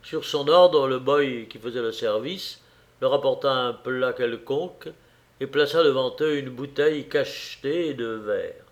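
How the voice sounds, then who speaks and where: A man narrating a classic novel as an audiobook, reading in an expressive, theatrical way. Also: medium pitch, a little slow.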